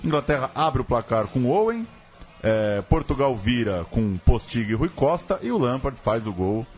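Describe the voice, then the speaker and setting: A man's voice: medium pitch, very animated, moderate pace, darkish tone, soft background music. A man with a Brazilian accent in casual football chat as a co-host.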